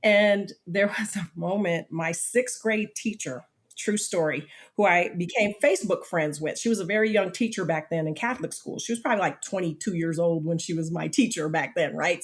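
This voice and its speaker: A woman in her fifties, a podcast guest telling personal stories in a lively, animated way and acting out the voices in them. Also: on the low side. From United States. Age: 50s. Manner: animated storyteller, acts out quotes, repeats "literally". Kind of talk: podcast interview storytelling.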